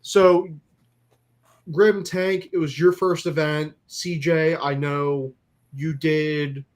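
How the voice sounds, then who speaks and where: A man's voice: fairly high pitch, level tone, slow. A man hosting a casual aftershow chat, rambling with lots of fillers and restarts. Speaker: host.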